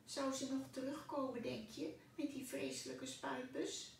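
Woman putting on a tiny squeaky cockroach. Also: steady tone, unhurried, gravelly, a little hiss or hum. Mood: worried. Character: tiny talking cockroach, small chirpy voice. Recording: echoey room, distant mic.

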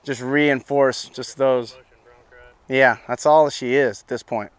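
A man's voice: medium pitch, steady tone, takes it slowly, clean tone. A man in his thirties coaching a new bronc rider outdoors at a ranch pen, talking in a loose, easygoing way and often saying "you know what I'm saying". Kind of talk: casual instruction.

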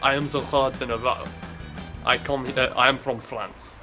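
A man voicing a pompous Frenchman with a fake French accent that slides toward Russian. He talks haltingly, restarting and breaking off his lines. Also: mid-range voice, steady tone, sharp tone, soft background music, natural voice. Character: pompous Frenchman delivering a grand message.

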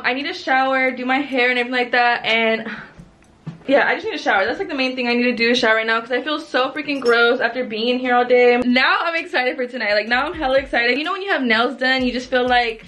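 Young woman vlogger, high bright voice, chatty and slangy, casual get-ready talk in a small bedroom. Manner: chatty, filler-heavy, slangy, laughs easily. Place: small pink bedroom indoors.

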